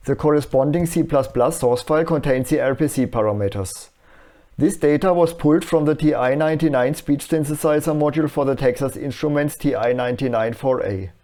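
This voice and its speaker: Narrating a scripted electronics tutorial, a man explains things in a measured, instructional way. His voice is a little high and warm in tone.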